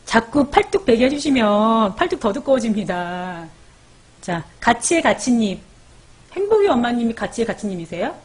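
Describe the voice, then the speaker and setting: A woman's voice: fairly high pitch, very animated, normal speed, breathy edge. A woman hosting a live parenting stream, chatting casually as she reads viewer comments, calls out their names and gives baby sleep tips.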